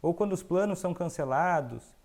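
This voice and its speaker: A Brazilian man hosting an educational monologue, explaining calmly and now and then acting out the voices of children and parents. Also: on the high side, fairly quick. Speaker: host, doctor.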